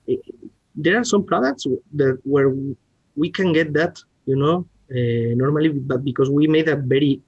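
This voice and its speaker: A man from Spain, an R&D director appearing as a podcast guest, gives a technical presentation and discussion in halting, Spanish-accented speech, searching for words and restarting repeatedly. His voice is a little high, darkish and slightly rough. The recording is dry and dull-sounding.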